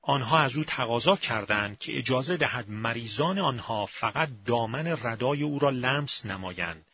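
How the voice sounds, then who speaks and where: A man reading scripture aloud as scripted narration, in a measured and expressive storytelling manner. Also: mid-range voice, slightly rough. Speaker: scripture reader. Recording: slightly muffled with faint music.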